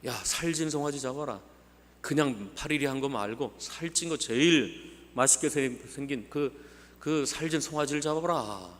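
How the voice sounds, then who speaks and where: A man voicing an elderly father loudly ordering servants to prepare a feast. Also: medium pitch, normal speed, voice pushed up, close to an everyday voice. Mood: joyful commanding. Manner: loud calls, commanding. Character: overjoyed older father, commanding servants. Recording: long church hall reverb.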